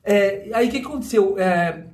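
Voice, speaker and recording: In a casual personal monologue to camera, a middle-aged Brazilian vlogger rambles, often restarting and tossing in tag questions. His high-sitting voice has a darkish tone, lively intonation and a moderate pace.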